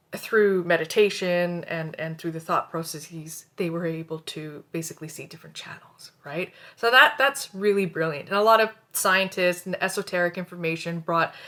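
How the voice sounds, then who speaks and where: This middle-aged Canadian woman, whose first language is Hindi, is a spiritual teacher casually explaining psychic senses. Her voice is fairly low and a bit bright. She rambles, restarts often, uses lots of fillers and keeps tagging on "right?"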